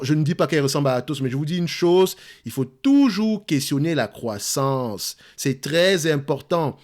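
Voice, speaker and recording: A man's voice: a little high, a little mellow. A man with a Cameroonian French accent, a channel host explaining stock analysis in an emphatic, teacherly way, repeating points and asking rhetorical questions.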